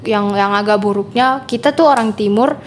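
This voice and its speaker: A young woman, speaking slowly and hesitantly as an interview guest, laughing often. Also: medium pitch, a little hiss or hum. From Papua. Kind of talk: casual interview chat.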